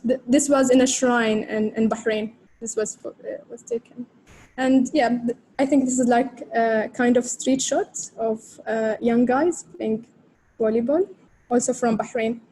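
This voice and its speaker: A woman photographer describing her work on a video-call panel, soft-spoken and hesitant, with many pauses. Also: on the high side, steady tone, a little hiss or hum, rough recording. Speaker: photographer, co-editor.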